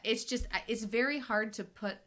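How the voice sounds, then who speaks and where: A woman with a fairly high, slightly bright voice speaks at a normal speed. She's a health coach hosting a casual live Q&A, chatting in a rambling way with many restarts while her voice is still recovering from being sick.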